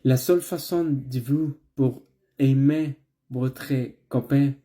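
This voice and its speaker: A man who is not a native French speaker, with a foreign accent in French, gives an informal religious message, haltingly and repeating words as he searches for them. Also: mid-range voice, fairly even intonation, warm tone.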